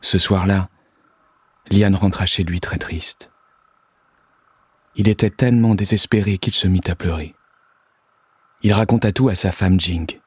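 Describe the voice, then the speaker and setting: Low, husky male storyteller. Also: no room sound. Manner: calm, measured reading. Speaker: narrator reading a children's story. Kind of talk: scripted storybook narration.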